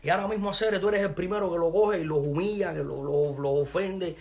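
A man's voice: high voice, fairly quick, darkish tone. A man with a Cuban accent, a musician, delivering a combative, mocking rant to the camera in crude street slang. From Cuba.

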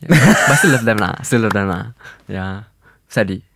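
A man's voice: on the low side, moderate pace, gravelly, heavy background noise. A Malaysian man chatting casually as a podcast guest, in slang English freely mixed with Malay. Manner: animated, informal code-switching with Malay particles. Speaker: podcast guest, singer and actor.

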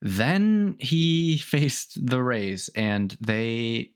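A man co-hosting a sports podcast, wry and halting, pausing often as he talks. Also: medium pitch, very animated, clean tone. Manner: wry, halting, lots of pauses. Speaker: podcast co-host. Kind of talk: casual sports chat.

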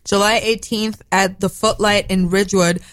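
A woman musician from Israel with an Israeli accent, chatting as a guest on a radio show, bubbly and quick to laugh. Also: mid-range voice, steady tone, a bit bright. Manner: bubbly, laughing, rapid asides. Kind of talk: casual interview chat. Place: radio studio.

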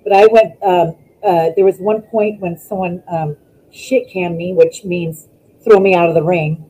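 A woman, a former wrestler, chatting as a guest over a video call, telling stories in an animated way and acting out what people said. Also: lowish voice, unhurried, slight background noise, low-quality recording. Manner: animated storytelling, acts out quotes. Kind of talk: casual interview chat.

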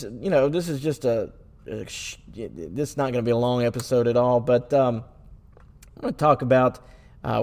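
A podcast host talks alone in a dry recording, his medium-pitched voice darkish in tone. He works earnestly through rhetorical questions, with plenty of fillers and restarts, and turns sarcastic now and then.

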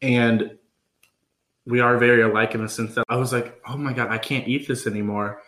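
Over a roomy, echoing recording, a twenty-something man hosts a casual podcast chat at a moderate pace. His mid-range voice is fairly bright and level, and he jokes around easily, letting fillers trail off.

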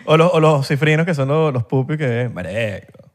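This is a Venezuelan man with a clear Venezuelan accent, hosting a relaxed podcast conversation. His voice is mid-pitched, and he keeps things light and teasing. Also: moderate pace. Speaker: podcast host. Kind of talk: casual podcast chat. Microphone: podcast microphone.

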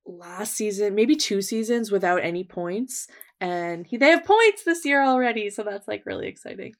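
A woman's voice: medium pitch, expressive, moderate pace. Woman podcast co-host, casual and talkative, filler-heavy. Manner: chatty, filler-heavy, laughs often. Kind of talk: casual chat.

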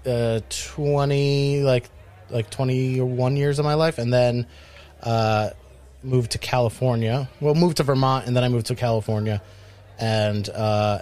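A man's voice: mid-range voice, fairly even intonation, a little slow, darkish tone. Male podcast co-host from Rhode Island, mid-range voice, casual and rambling. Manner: rambling, many fillers and restarts. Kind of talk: casual chat.

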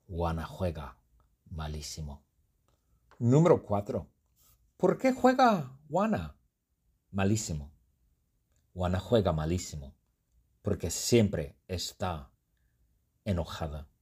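Guy teaching spanish w a silly repeated story, low husky voice, really slow. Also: very animated, dark tone. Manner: slow, repetitive, playful storytelling with exaggerated exclamations. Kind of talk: comprehensible-input storytelling lesson.

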